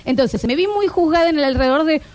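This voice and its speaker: A woman in her thirties with an Argentine accent, hosting a casual chat and telling stories in an animated way with many filler sounds. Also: sits high, quick pace. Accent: Argentine Spanish. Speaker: streaming show host.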